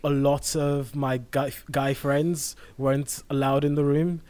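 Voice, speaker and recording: Young man, modern British RP accent, well-spoken, medium pitch, casual podcast talk. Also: little pitch movement, measured pace, a little mellow, dry recording. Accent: modern Received Pronunciation, southern English. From southern England. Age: young adult. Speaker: medical student on a podcast.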